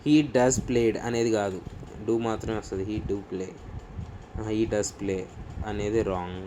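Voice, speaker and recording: Man with a Telugu accent, grammar lesson, very slow deliberate reading, faint ambient room hum. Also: fairly low pitch, a little mellow. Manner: reads English rules slowly, explains in Telugu. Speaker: English grammar teacher.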